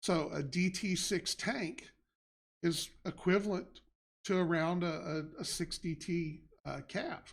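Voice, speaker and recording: A middle-aged man with a slightly raised pitch hosts a relaxed live show. He rambles through his answers, circling back with restarts and fillers as he explains game design and chats about what he's been watching. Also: unhurried, gravelly. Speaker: game company head and show host. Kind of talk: casual livestream chat.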